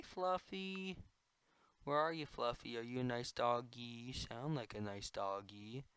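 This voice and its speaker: A young man giving goofy, excitable commentary while playing a computer game, prone to sudden yelling. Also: medium pitch, clean tone, no echo, poor audio. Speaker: gamer. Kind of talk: gameplay commentary.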